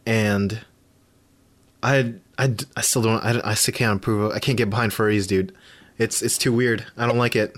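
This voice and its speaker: A man's voice: on the low side, fairly even intonation, moderate pace. A young man in casual podcast chat, rambling and laughing often.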